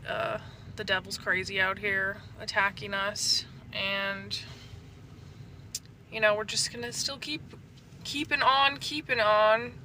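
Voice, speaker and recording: A woman's voice: medium pitch, bright, forceful tone. A woman vlogging from inside her parked truck in casual, rambling, slangy chat, with faint ambient noise behind her.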